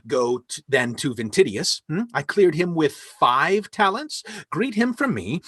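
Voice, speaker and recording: Man as a grand spendthrift lord in a stage play: slow, husky, very animated verse, dry home mic. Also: on the high side, no echo, heavily acted. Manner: slow, lively, emphatic verse speaking. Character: lavish generous nobleman facing ruin. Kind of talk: live online reading of a stage play. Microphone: home microphone on a video call.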